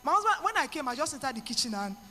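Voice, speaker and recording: A woman's voice: sits high, sing-song, rapid-fire, sharp tone, in a large hall, a little hiss or hum. A middle-aged woman with a Nigerian accent, giving an earnest motivational talk to women with pidgin asides. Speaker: speaker to women.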